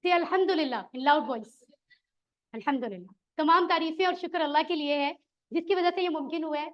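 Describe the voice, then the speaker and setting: High-voiced woman teaching a class. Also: brisk, muffled recording. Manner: encouraging, asks the class questions. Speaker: Quran Arabic teacher. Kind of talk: classroom lesson.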